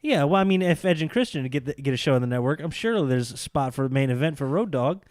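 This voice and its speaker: A man's voice: a little high, lively intonation, fast talker, darkish tone, dry recording, studio quality. A man co-hosting a casual podcast, joking and rambling with sarcastic asides. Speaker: podcast co-host. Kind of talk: casual chat.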